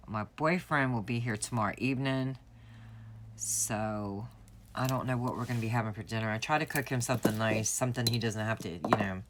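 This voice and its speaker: A woman's voice: very deep voice, a little hiss or hum. A woman, chatting and telling stories while setting up her planner at home. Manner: chatty, storytelling, laughs often. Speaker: planner vlogger. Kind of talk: casual chat while crafting.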